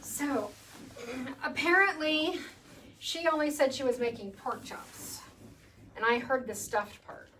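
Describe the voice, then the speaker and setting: A woman's voice: sits high, slow pace, bright, forceful tone. A woman hosting a live furniture painting demo, chatting casually and reading viewer comments aloud. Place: paint room. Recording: distant mic with background noise.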